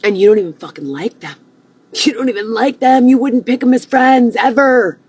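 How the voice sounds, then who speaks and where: A woman livestreaming a profane, agitated monologue that at times rises close to yelling. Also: fairly high pitch, normal speed, slightly rough, no room sound. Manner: agitated, swearing, rising to near yelling.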